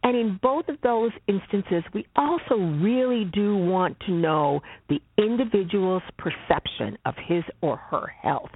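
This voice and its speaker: A social worker giving a slide presentation in a measured, deliberate way, stressing key words by repeating them. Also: medium pitch, vocal fry, slightly rough, no echo. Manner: measured, deliberate, emphatic repetitions. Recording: phone-like narrow band.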